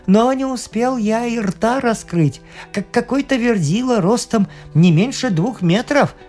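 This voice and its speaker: A reader telling a tale for an audiobook in an expressive storytelling manner. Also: medium pitch, measured pace, soft background music. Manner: expressive storytelling, voices characters.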